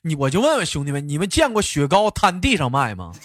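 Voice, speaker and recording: Lively man with a northeastern accent. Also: on the high side, fast, no echo, clean studio sound. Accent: Northeastern Mandarin. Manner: lively, bantering, breaks into laughter. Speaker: comedy podcast host. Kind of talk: joke-telling comedy show. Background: background music.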